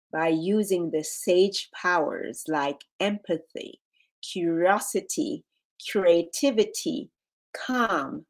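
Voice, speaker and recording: A woman coaching in a measured, instructional way, leaving pauses as she guides a relaxation exercise. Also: fairly low pitch, a little mellow. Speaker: relaxation and mental fitness coach.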